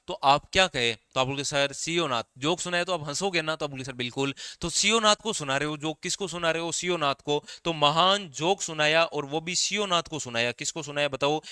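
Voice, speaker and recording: A man teaching a live online exam revision class, quizzing students and answering for them in a way, his voice going hoarse. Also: a little high, pushed and bright, no room sound, studio quality. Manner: sings a rhyming memory trick. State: voice getting hoarse.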